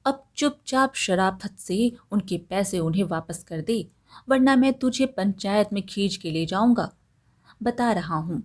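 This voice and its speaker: A woman's voice: mid-range voice, measured pace, darkish tone, natural voice. A woman doing a sly young village man. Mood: teasing.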